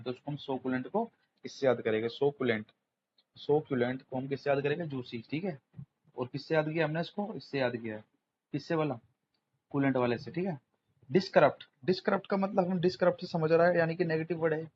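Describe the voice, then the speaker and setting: A man runs an informal vocabulary lesson, circling back over each word and firing rhetorical questions at the viewer as he builds memory tricks. His voice sits at a middling pitch. The recording is a little dull, with a faint hiss behind it. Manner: chatty, repetitive, quizzes the viewer with rhetorical questions. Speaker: exam tutor, channel host.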